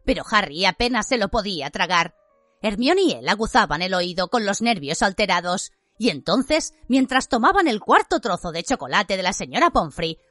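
Lively woman reading a story aloud. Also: medium pitch, dry recording, clean studio sound. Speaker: narrator. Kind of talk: audiobook reading.

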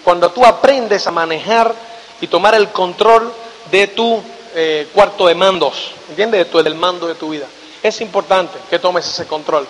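A man giving a motivational talk to an audience, animated, often checking whether listeners follow him. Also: high-pitched, measured pace, a little hiss or hum. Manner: animated, keeps asking "do you get it?" tag questions. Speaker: motivational speaker. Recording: echoey hall reverb.

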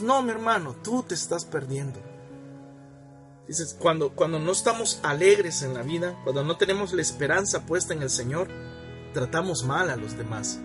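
Man, preacher, high voice, sermon, direct address, repeats phrases, asks for amen, faint guitar behind. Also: a bit bright. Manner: calls for amen from the congregation.

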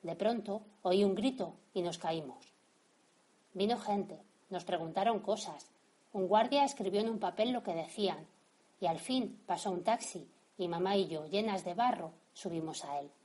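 Woman from Spain, podcast storyteller, husky voice, mid-range pitch, soft intimate reading. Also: moderate pace. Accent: Spain Spanish. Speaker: podcast host and story reader.

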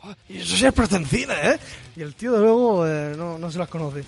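Man co-host, rapid talker, profane and grumbling, faint music under him. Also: sits high, expressive, gravelly. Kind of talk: casual chat.

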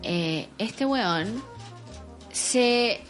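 High-pitched woman hosting a podcast, chatty and animated, tosses in english. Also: very slow, soft background music. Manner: animated storytelling, mixes in English words. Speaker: podcast host. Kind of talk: casual chat.

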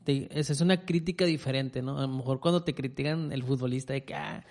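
A man's voice: mid-range voice, quick pace, darkish tone. A man co-hosting a casual faith chat, explaining with plain examples. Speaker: co-host, former footballer.

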